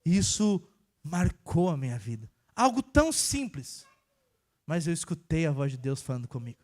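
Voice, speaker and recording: Man, young adult, high voice, informal sermon testimony, hushed then emphatic. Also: big pitch swings, moderate pace. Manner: informal, storytelling, swings between hushed and emphatic. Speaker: church worker preaching.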